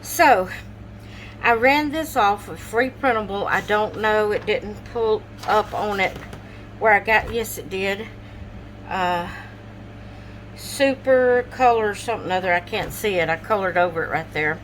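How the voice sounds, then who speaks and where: Slow, drowsy woman vlogging at home. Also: mid-range voice, a little hiss or hum, low-quality recording. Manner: chatty, apologetic, trailing off mid-sentence. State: drowsy, yawning often. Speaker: vlogger showing coloring pages. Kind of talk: casual chat to camera.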